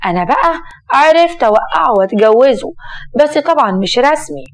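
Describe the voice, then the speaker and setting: Woman playing a brazen con woman, sly and sharp. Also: high-pitched, lively intonation, a little fast. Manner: sly, cajoling, sharp-tongued. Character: scheming young woman con artist, brazen.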